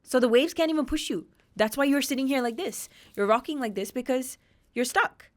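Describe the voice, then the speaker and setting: Her voice is high and her pace brisk as this Australian woman, in her thirties, tells her personal story as a podcast guest. She is frank and animated, retelling moments with strong emphasis.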